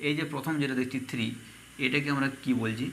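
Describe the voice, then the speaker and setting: Bright-voiced man teaching math. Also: medium pitch, fast, a little hiss or hum. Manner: asks questions then answers them himself. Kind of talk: explaining a math lesson.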